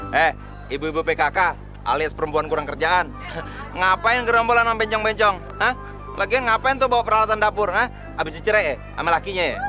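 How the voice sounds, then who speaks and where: An actor playing a big, loudmouthed neighbourhood thug with a Jakarta accent, taunting and coarse in a comedic TV soap. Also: male voice, sits high, a little fast, music in the background, close to an everyday voice. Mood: jeering. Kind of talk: broad comedic TV soap acting.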